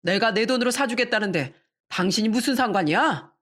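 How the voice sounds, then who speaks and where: A woman's voice: fairly high pitch, lively intonation, a little fast, fairly bright tone. A woman voicing a selfish, cheating middle-aged husband who stammers and sulks in a radio story. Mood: defensive. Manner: stammering, sulky and defiant.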